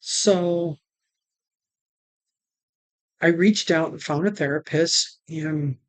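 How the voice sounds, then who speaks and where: Slow, halting woman telling her story. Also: low-pitched, dry recording. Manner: halting, with pauses and restarts; retells conversations with "she goes" and "I'm like". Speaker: vlogger. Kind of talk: personal storytelling to camera.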